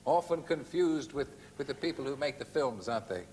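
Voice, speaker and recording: A man's voice: mid-range voice, expressive, brisk, a little mellow, a little hiss or hum. A man hosting a TV chat show, teasing his guests playfully. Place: TV studio. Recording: 1980s broadcast, some hall reverb.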